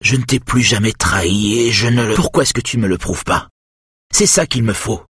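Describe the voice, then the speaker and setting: A man voicing a hurt, furious wife in an audiobook, with sharp accusing outbursts and a raised voice. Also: lowish voice, moderate pace, breathy edge, no room sound, studio quality, voice pushed up. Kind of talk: audiobook character voice.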